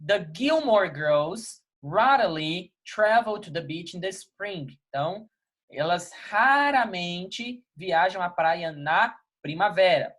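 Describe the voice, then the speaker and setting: A man from Brazil teaching an English lesson. He explains patiently, reads example sentences slowly and repeats key words, checking in with his students. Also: high voice, lively intonation, a bit bright. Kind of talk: recorded classroom lesson.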